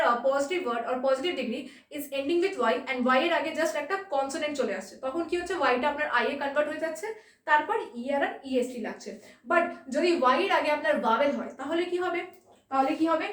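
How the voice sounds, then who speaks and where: A woman teaching a grammar lesson, patiently repeating points and checking in with quick questions. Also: high-pitched, fairly bright tone, recorded from a distance. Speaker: exam-prep English teacher. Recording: echoey room, voice set back from the mic.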